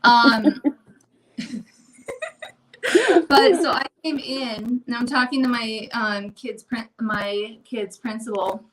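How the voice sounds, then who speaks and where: Slow and slightly high-voiced, with long pauses, a woman in her thirties co-hosts a casual livestream from home, speaking candidly and animatedly at a mirror by a window and talking over others. Crowd noise and low recording quality mark the audio.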